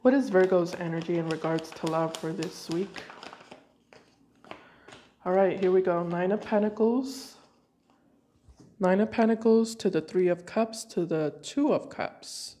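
Her voice is fairly low and dark, with a steady tone. She speaks a little slowly and leaves long pauses. Ill with a cold, this woman reads tarot for viewers in a home room with a decorated card table, chatting casually and thinking out loud in hesitant fits and starts.

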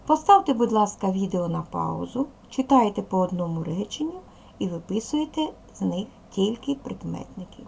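A middle-aged woman teaching young children in a video lesson, explaining slowly and clearly with patience. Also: mid-range voice, big pitch swings, darkish tone, slight background noise. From Ukraine. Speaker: primary school teacher.

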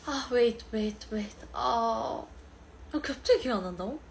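Young woman on a live stream, high voice, really slow drawn-out talk, bubbly, bit of music in the back. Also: lively intonation, creaky, slight background noise. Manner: mixes Korean and halting English, playful and bubbly. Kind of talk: casual live chat with viewers.

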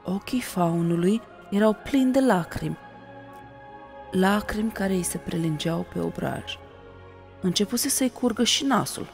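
A woman narrating an audiobook with expressive storytelling. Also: mid-range voice, creaky. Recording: reverberant room, faint music.

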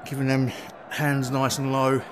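A man giving relaxed, chatty running commentary on his own play in a VR cricket game, with quick exclamations. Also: mid-range voice. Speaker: gaming video creator. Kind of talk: live commentary while playing a VR cricket game. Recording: steady background noise.

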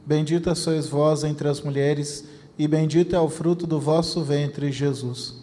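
Mellow Brazilian man chanting prayers. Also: on the high side, a little slow. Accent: Brazilian Portuguese. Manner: steady chanted recitation. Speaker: rosary prayer leader. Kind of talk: recited rosary prayer. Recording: long reverb with faint noise.

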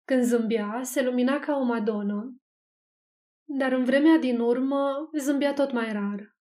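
A woman narrates an audiobook of a classic novel. Her reading is steady and unhurried, and her voice sits slightly above the usual pitch.

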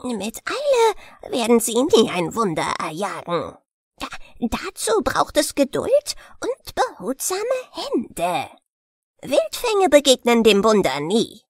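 A woman's voice: fairly high pitch, wildly swooping pitch, takes it slowly, breathy edge, no echo, studio quality, full character voice. A woman voicing a grumpy old male willow stump in a storybook, scolding and growling. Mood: gruff.

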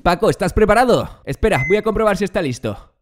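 A man hosting comic VR gameplay as a mad doctor, theatrical and loud, sometimes breaking into goofy songs. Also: high-pitched, animated, fast talker, noisy background. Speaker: VR gaming host playing a doctor. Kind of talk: comic gameplay role-play. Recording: music playing behind.

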